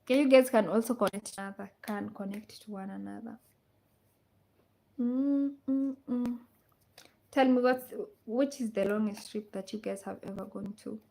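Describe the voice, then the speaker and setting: A woman's voice: mid-range voice, moderate pace, creaky, dark tone. Woman from kenya on a live stream, chatty, keeps repeating questions to her viewers. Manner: reads viewer comments aloud, repeats questions to the audience. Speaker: livestream host. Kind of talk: casual live chat with viewers.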